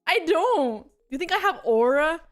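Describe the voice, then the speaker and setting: High-voiced giggly young woman streamer. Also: very animated, a little slow. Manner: rambling and giggly, with frequent laughs and filler words. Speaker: VTuber streamer. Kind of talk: casual chat stream, storytelling.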